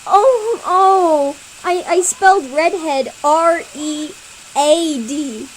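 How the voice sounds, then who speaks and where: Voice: sits high, extremely slow, low-quality recording. A young reader reading their own homemade story aloud, who keeps stopping to comment on the writing in an embarrassed way. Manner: self-conscious, breaks off to comment and laugh at own writing. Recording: hissy home recording.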